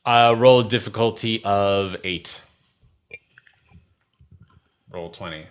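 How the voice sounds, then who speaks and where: A man with a lowish voice runs a tabletop game as its master. He narrates casually, making it up as he goes, and often stalls to find his words. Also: clear, resonant tone. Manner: halting, searching for words.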